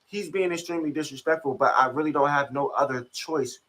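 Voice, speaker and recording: A man's voice: a little high, a little fast, a bit bright, poor audio. A young man casually tells a story, slangy and profane, often checking that the listener follows. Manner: slangy, profane, keeps asking if you follow. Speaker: rapper and channel host.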